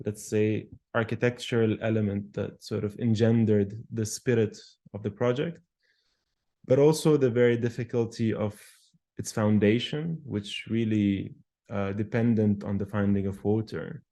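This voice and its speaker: Responding to interview questions, a man in his thirties from Palestine, an architectural historian, speaks in a measured, thoughtful way with frequent pauses and fillers. His fairly low voice is creaky yet warm.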